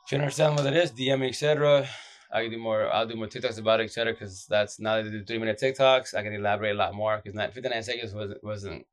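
A man speaks in a low, groggy voice that sounds drained from lack of sleep. He gives advice casually and off the cuff, like a streamer talking to followers. His delivery is blunt and slangy, circling back over the same short phrases. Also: fairly even intonation, rapid-fire. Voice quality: deep, groggy voice. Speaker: social media advice streamer.

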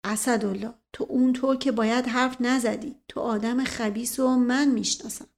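An irritable middle-aged man who schemes and grumbles under his breath, as a woman narrator voices him. He keeps his voice quiet and sour. This is a character in a spoken audiobook. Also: fairly high pitch, steady tone, creaky. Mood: grumbling. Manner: muttering, grumbling.

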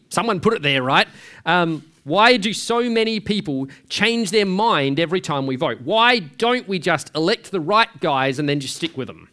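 A man's voice: fairly high pitch, sharp tone. A man preaching a sermon in a conversational way, asking rhetorical questions and often restarting his sentences. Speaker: pastor.

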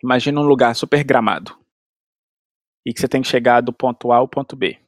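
A man's voice: medium pitch, a little fast, no echo, clean studio sound. A man, explaining language learning in casual chat with everyday analogies and frequent restarts. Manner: explains with everyday analogies and acted-out inner dialogue. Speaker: language expert guest.

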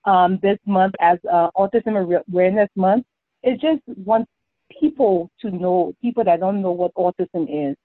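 A mother guesting on a podcast talks in a lowish voice at a moderate pace, with no echo. The conversation is a casual interview in which she spins warm stories and laughs a lot, and the audio sounds tinny and dry, like a phone line.

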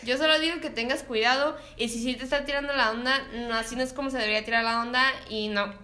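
A woman's voice: a little high, fairly even intonation, quick pace, sharp tone. A young woman co-hosting a podcast in casual chat, trailing off with fillers. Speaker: podcast co-host.

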